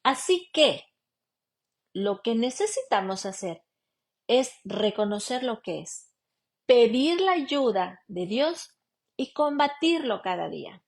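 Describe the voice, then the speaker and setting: A woman's voice: fairly high pitch, sing-song, slow pace. A woman preaching a radio sermon, earnestly asking her listeners direct questions and calling them beloved sister. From broadcasting from Canada. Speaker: lawyer and radio program preacher.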